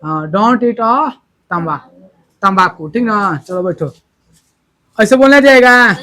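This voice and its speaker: A male teacher, teaching English to a classroom in loud, repetitive drills and often checking that students understand. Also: sits high, expressive, takes it slowly.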